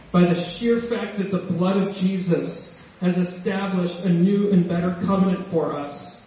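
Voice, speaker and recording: A male pastor preaching a sermon with emotion and slow, emphatic pauses. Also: sits high, slight background noise. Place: church sanctuary. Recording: echoey church hall, distant mic, dull sound.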